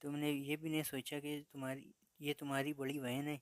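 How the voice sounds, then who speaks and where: A man's voice: a little high, completely flat delivery, clean tone, dry recording, natural voice. A man voicing an enraged older uncle. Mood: raging. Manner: harsh scolding, threatening. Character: enraged older uncle defending his daughter.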